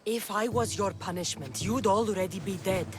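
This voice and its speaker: A woman's voice: medium pitch, normal speed, natural voice. A woman acting as a hardened young mercenary of ancient Greece in a video game, with a blunt, dry, self-assured manner. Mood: firm, defiant. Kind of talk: cinematic video game dialogue. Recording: music behind the voice. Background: game soundtrack music.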